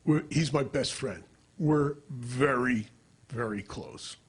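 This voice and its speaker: An older man performing stand-up comedy into a stage microphone, deadpan and dry, jumping into character voices. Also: mid-range voice, takes it slowly, slightly rough.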